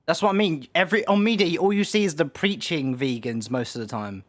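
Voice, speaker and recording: Dude streaming a game, rambly and sweary, dry sound. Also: male voice, a little high, a little fast, no room sound. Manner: rambling, profane, many restarts. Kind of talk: casual rant on stream.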